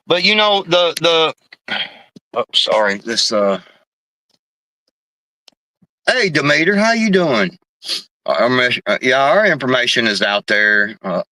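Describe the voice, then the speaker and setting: A man's voice: fairly low pitch, sharp tone, dry recording. A man hosting a casual live stream, reading chat messages, talking loosely and profanely and saying "man" and "bro" all the time. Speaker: livestream host reading chat.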